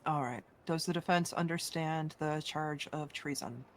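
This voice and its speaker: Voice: mid-range voice, unhurried, a little hiss or hum. A speaker playing a judge in a role-play court hearing, brief and formal with set phrases.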